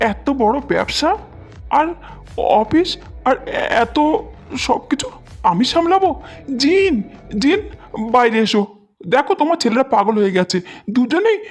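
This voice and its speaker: A woman's voice: sits high, pitched below the performer's own voice, heavily acted. A woman voicing a grumbling, flustered middle-aged father in a storybook reading. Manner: grumbling, complaining.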